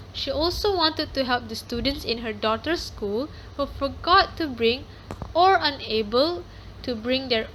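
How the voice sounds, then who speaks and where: A young woman student reading a prepared class presentation in a careful, steady way. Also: high voice, a little hiss or hum, low-quality recording.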